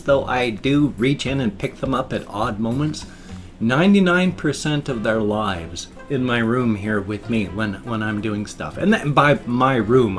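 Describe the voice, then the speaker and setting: A man chatting casually and ramblingly to a webcam at home, slightly slurring his words around loose, ill-fitting dentures. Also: mid-range voice. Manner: rambling, repeats and rephrases himself. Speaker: vlogger showing pet hamsters. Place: indoors, a room at home. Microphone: webcam setup.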